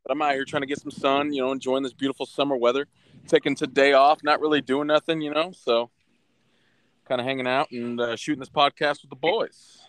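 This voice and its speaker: A man's voice: mid-range voice, fairly even intonation, brisk, fairly bright tone, dry recording. A man co-hosting a podcast in casual, conversational style, talking informally with slangy asides. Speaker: podcast co-host.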